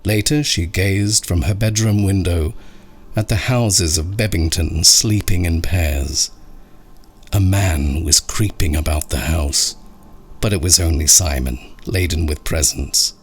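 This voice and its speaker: A deep, husky man narrates horror short stories slowly, in a scripted audiobook reading of a scary tale. His storytelling is expressive and dramatic, with music playing beneath his voice.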